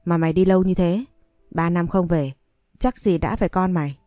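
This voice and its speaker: A woman's voice: fairly quick, mellow, no room sound, studio quality, faint music behind, lightly acted. Woman reading as a scolding shrewish mother. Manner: shrill scolding insults. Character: sharp-tongued abusive middle-aged mother.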